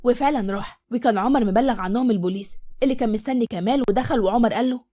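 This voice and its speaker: A woman storyteller with an Egyptian accent narrates a tale. She speaks very fast with a fairly high voice. The delivery is lively and brisk. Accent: Egyptian Arabic.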